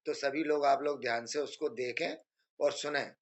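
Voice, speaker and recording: A male teacher giving a screen-based grammar lesson, explaining patiently and repeating examples slowly. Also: medium pitch, steady tone, highs cut off.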